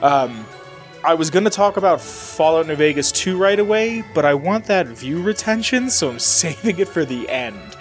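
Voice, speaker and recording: A man hosts a casual solo podcast, rambling in a loose, chatty way while stuffy from a sinus infection. His voice is a little high with lively intonation at a normal speed, and soft music plays in the background.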